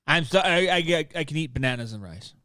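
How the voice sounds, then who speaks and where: A man's voice: fairly high pitch, lively intonation, quick pace, sharp tone, no echo, studio quality. A man co-hosting with crude, wry comic banter. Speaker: co-host.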